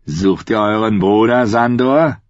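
A man's voice: lowish voice, measured pace, no echo, pitched above the performer's own voice, lightly acted. A man voicing a menacing soldier who speaks in a cool, dismissive way. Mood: sly. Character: tall bearded menacing soldier. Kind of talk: audiobook character voice. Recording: dull, lo-fi, dry.

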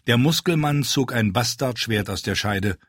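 A man narrating an audiobook in German, reading scripted narration with expressive storytelling. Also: mid-range voice, moderate pace, dry recording, clean studio sound.

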